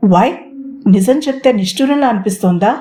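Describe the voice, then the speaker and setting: A woman's voice: a little high, expressive, normal speed, dark tone, close to an everyday voice. A woman voicing a mocking, domineering young boss. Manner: mocking, blunt, commanding.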